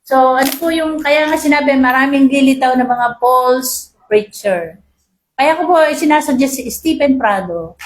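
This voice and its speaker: A woman's voice: sits high, a little slow, slight background noise. A woman preacher giving a sermon to her congregation, often asking them for agreement and mixing in English Bible quotes. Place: church hall. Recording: roomy echo.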